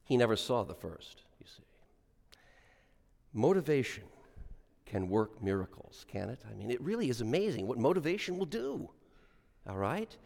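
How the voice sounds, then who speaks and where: A man's voice: medium pitch, normal speed, gravelly, pauses often. Man preaching in a cathedral echo. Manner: lively sing-song delivery, rising on quotes. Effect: long cathedral echo. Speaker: priest. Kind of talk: gospel reading and homily. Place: large church. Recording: long church reverb.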